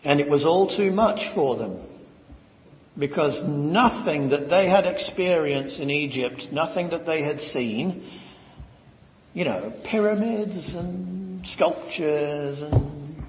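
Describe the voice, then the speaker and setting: A man preaching an expository sermon, slow and deliberate, building to rising emphatic stresses. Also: on the high side. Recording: dull lo-fi sound with long hall reverb.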